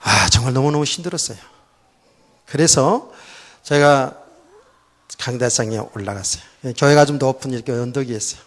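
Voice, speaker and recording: A middle-aged man, a pastor, telling a personal story in a sermon, swinging between loud outbursts and soft, low asides. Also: normal speed, long pauses. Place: church sanctuary.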